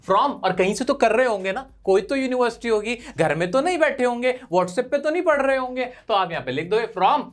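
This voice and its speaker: Lively, chatty male English teacher. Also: high-pitched. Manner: chatty, asks and answers his own questions; calls viewers friends, jokes. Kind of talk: video lesson explaining English phrases.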